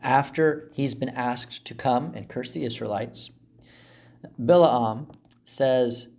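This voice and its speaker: A man's voice: mid-range voice, slow pace, a little mellow. Man teaching the Bible, casual asides. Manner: conversational, explains with asides and fillers.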